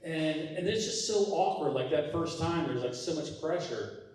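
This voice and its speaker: Deadpan stand-up man in a roomy theater. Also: fairly high pitch. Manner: deadpan, halting delivery with many fillers. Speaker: stand-up comedian. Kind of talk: stand-up comedy set. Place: theater stage. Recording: roomy hall sound from a distance. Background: audience laughing.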